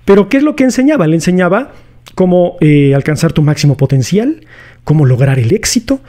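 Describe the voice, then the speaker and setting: In a casual explanatory lecture, a philosophy video host with a Mexican accent chats in a slangy way and throws rhetorical questions at his viewers. His mellow voice sits a little high, swings widely in pitch, and moves a little fast.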